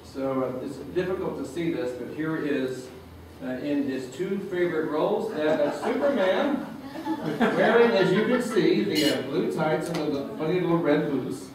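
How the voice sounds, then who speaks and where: Man, light joking speech, a touch high, distant in a very echoey room with clear background noise. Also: normal speed. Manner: joking, chuckles at his own lines. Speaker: speaker at a reception. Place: reception room. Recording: roomy, distant, noisy room recording.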